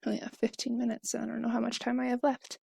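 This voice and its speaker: A woman's voice: a little high, completely flat delivery, very fast, vocal fry, a little mellow, breathy edge. A young woman talking casually, explaining a topic step by step while she draws, often correcting herself mid-sentence. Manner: chatty, self-correcting, fillers and asides.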